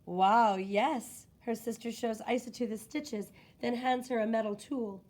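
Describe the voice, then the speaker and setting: Reading a children's book aloud, a woman with a fairly high voice gives expressive, scripted narration, shaping her phrases with deliberate drama.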